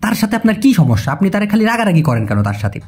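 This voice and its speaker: A language teacher, speaking in a colloquial way and repeating example phrases slowly. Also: medium pitch, big pitch swings, darkish tone, slightly rough. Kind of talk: language lesson.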